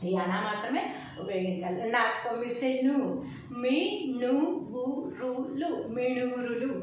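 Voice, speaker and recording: A woman teaching a lesson, reciting syllables slowly and explaining how to write them. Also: fairly high pitch. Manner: slow, drawn-out recitation of syllables. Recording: echoey room, faint noise.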